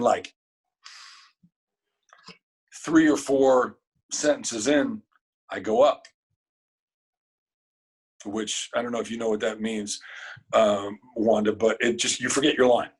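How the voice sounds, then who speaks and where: A man, a guest in an interview, telling a story in a casual, animated and emotional way, cursing freely. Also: fairly low pitch, measured pace, pauses often, husky, poor audio.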